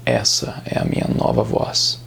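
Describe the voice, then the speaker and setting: A man voicing a gruff, deep-voiced male action-movie hero with a Brazilian Portuguese accent, in an exaggerated tough-guy delivery. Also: unhurried, a bit bright, a little hiss or hum, natural voice. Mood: mock tough.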